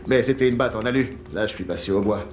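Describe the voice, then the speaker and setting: An actor dubbing a violent thug with a bat who talks casually and crudely. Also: male voice, lowish voice, fast, echoey room, soft background music, close to an everyday voice. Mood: menacing. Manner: casual then crude and threatening.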